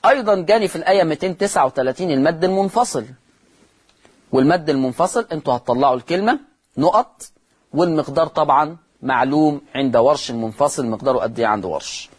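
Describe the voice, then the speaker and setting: A man with an Egyptian accent teaching Quran recitation rules on a broadcast lesson, repeating key words, asking and answering his own questions, and drawing out example words slowly. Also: on the high side, lively intonation, slightly rough.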